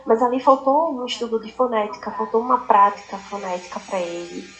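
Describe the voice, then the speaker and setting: A woman with a Pernambuco Brazilian accent, a language teacher talking as a podcast guest, explaining in an animated, emphatic way while thinking aloud. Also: a little high, brisk. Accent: Pernambuco Brazilian Portuguese. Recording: echoey room.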